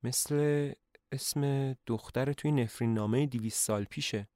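A man's voice: medium pitch, dark tone, dry recording, clean studio sound, natural voice. A man voicing an earnest young male teacher in a narrated play, polite and a little hesitant.

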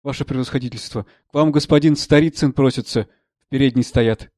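A man's voice: mid-range voice, a little fast, darkish tone, no echo, natural voice. Dutiful soldier-servant in a read play, stiff clipped replies, voiced by a man, dry close sound. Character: deferential male military orderly.

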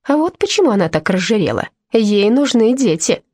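A woman's voice: mid-range voice, big pitch swings, a little fast, a little mellow, no echo, studio quality, voice pushed up. A woman voicing a cheeky, scheming orphan boy who teases and whispers conspiratorially in an audiobook. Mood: sinister.

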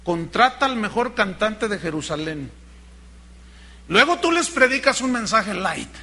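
A sarcastic, scolding Jesus, as a preacher puts him on, talking down at someone with mock calm. The voice sits very high and bright, and it swings between quiet and loud jabs. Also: male voice, a little slow, breathy edge, heavily acted. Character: mocking imagined Jesus scolding John, sarcastic man.

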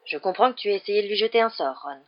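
A woman voicing a jovial male half-giant gamekeeper in a storybook reading, hearty and loud, with a dull lo-fi sound. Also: medium pitch, expressive, fast talker, lightly acted. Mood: consoling.

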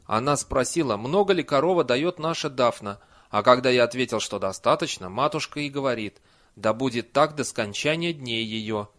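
A man reading an audiobook voices a nervous, simple peasant man who rambles loudly in rustic speech. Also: mid-range voice, normal speed, close to an everyday voice.

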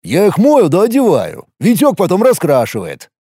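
A man voicing a gruff middle-aged male mortuary worker and former soldier who talks in a blunt, grumbling way. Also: high voice, huge pitch swings, moderate pace, warm tone, dry recording, studio quality, pitched above the performer's own voice, exaggerated voice.

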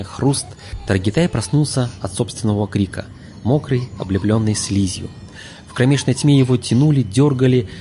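A man reading a fantasy audiobook aloud in steady scripted narration. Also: mid-range voice, a little hiss or hum.

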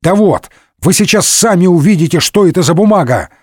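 A man voicing a sly older male musketeer who speaks calmly and mockingly. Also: sits high, fairly quick, dry recording, clean studio sound, voice pushed up. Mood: insistent. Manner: calm, mocking.

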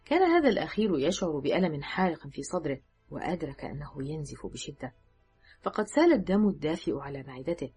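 A woman reads a thriller aloud in a measured, dramatic way. Her voice is low and very husky. Faint music plays underneath. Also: very animated, mellow. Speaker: audiobook narrator. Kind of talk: scripted narration.

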